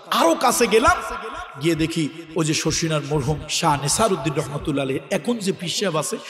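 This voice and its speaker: A man with a Bangladeshi regional accent preaches in a high voice, piling up emphatic repeated phrases that rise to loud peaks. His voice rings through a large hall with a long, echoing tail. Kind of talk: sermon. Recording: echoey hall, reverb.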